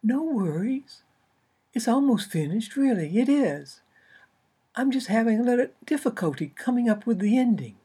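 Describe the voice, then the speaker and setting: A woman's voice: a little high, animated, normal speed, mellow, husky, voice pushed up. A woman voicing a stressed female romance novelist who is stuck on her book. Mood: placating. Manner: meek, then pleading. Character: harried female romance novelist, meek and blocked.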